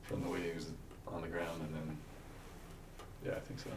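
A man answering questions as a witness, halting and unsure, often restarting his sentences. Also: low-pitched, monotone. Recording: distant mic with faint noise.

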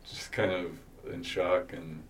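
A man answering questions as a witness, halting and unsure, often restarting his sentences. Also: deep voice, little pitch movement. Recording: distant mic with faint noise.

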